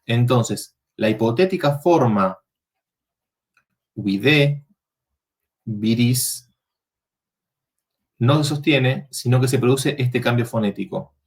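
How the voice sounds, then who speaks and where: A man's voice: medium pitch, slow, pauses often. A man teaching a university Latin workshop, explaining verb forms step by step and checking in with the students.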